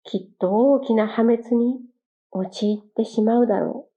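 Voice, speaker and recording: A woman voicing a wise, calm male quail king who speaks in an earnest, measured way. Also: fairly high pitch. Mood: grave. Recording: dull lo-fi recording.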